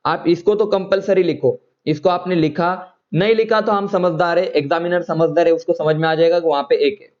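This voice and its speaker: A man's voice: high-pitched, fairly even intonation, brisk, few pauses, a little mellow, lo-fi sound. A man teaching chemistry in an online class, coaxing students and checking often whether they follow.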